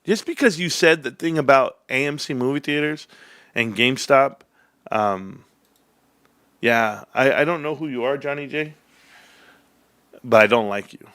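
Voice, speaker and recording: A stock livestream host in his forties chats casually, calling viewers "bros" and "guys" and jumping from hyped high bursts down to low muttering. He speaks a little slowly with frequent pauses, in a slightly bright, smooth voice with no echo.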